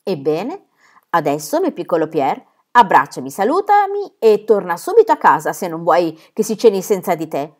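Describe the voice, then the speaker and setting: A woman's voice: on the low side, wildly swooping pitch, normal speed, a little mellow. Woman reading as a tender-hearted peasant father.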